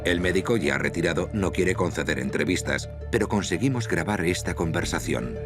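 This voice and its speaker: A man reading a documentary narration in a measured, even way. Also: low-pitched. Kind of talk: scripted narration. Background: music.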